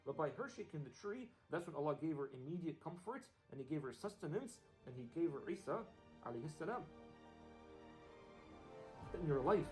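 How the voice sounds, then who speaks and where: A man's voice: on the high side, a little mellow, low-quality recording. Earnest young man giving a faith talk. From Iraq. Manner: earnest, casual, repeats phrases for emphasis. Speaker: Islamic speaker. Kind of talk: motivational religious talk. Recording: faint music behind.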